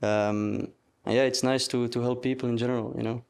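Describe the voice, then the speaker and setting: A young man from Belgium talks through an interview in a relaxed, halting way, filling pauses with plenty of ums. His voice is smooth and clear, at a middling pitch for a man. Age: 20s. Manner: relaxed, hesitant with many fillers. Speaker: student athlete, soccer captain. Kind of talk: casual interview.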